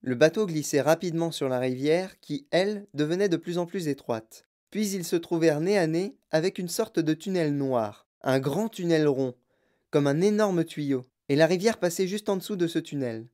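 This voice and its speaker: A man reading a children's storybook aloud in a calm, even narration. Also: fairly high pitch, moderate pace.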